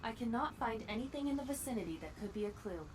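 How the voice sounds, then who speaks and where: A woman's voice: a little high, animated, quick pace, background noise, natural voice. A woman playing a composed, matter-of-fact artificial intelligence partner in a video game, speaking precisely and formally. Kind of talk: English video game voice acting.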